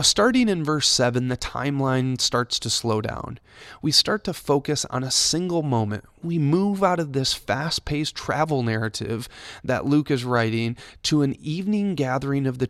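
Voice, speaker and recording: A man's voice: medium pitch, lively intonation, moderate pace, fairly bright tone, dry recording, studio quality. Conversational man giving a devotional. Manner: conversational and lightly humorous. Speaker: church staff member giving a devotional. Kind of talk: devotional Bible talk.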